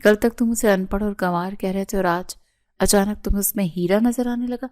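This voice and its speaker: A woman's voice: mid-range voice, fairly even intonation, darkish tone, natural voice. A woman reading the lines of a stern, sarcastic older head of the family.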